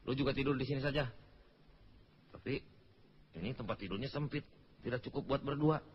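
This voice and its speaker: A man's voice: mid-range voice, a little fast, muffled recording, a little hiss or hum. A Sundanese man performing a comedy sketch, scolding his partner with exasperation and laughter.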